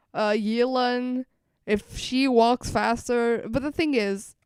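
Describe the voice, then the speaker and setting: Her mid-range voice is clear and resonant, recorded in studio quality without echo. As a streamer reacting live to a game stream, she comments casually, wandering and repeating phrases while she thinks.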